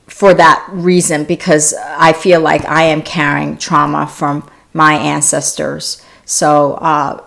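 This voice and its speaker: A woman born in South Korea, hosting a wellness live stream, chatting casually and answering viewers' questions with frequent restarts. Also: lowish voice. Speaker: wellness channel host.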